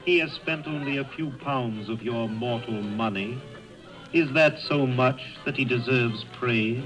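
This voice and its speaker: An actor voicing a solemn, commanding ghost guide in a radio drama, speaking formally and putting grave, measured questions. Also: male voice, medium pitch, a bit bright, lightly acted. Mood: probing, challenging. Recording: muffled radio broadcast with music underneath.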